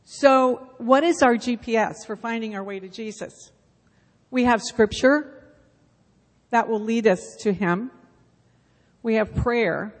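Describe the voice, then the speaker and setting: A middle-aged woman leading the church's Bible school speaks slowly in a slightly high voice, pausing often. With a handheld mic in the sanctuary, she gives a casual, chatty announcement full of self-mocking stories, and the hall adds a long reverb.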